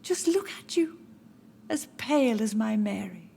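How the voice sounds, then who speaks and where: An actress playing a frail, confused elderly mother who speaks tenderly and dreamily, with soft music behind her. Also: on the high side, very animated, measured pace, vocal fry, slight background noise, exaggerated voice. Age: older. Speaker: game character. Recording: game audio with soft music.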